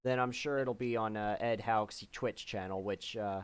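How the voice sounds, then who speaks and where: A man hosting a sim racing broadcast and interviewing drivers in a relaxed, halting way with many fillers. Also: lowish voice, clear, resonant tone.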